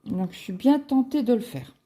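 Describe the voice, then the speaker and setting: A woman chatting casually as a cross-stitch vlogger, musing aloud with halting fillers as she browses shops online. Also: on the high side, expressive, dark tone, slight background noise. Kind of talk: casual screen-share chat.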